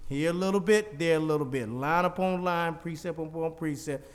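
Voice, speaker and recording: A man's voice: fairly high pitch, moderate pace. A man preaching a sermon, reading scripture in King James wording and explaining it in plain conversational speech with emphatic repetition. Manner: rising, emphatic delivery with frequent repetition.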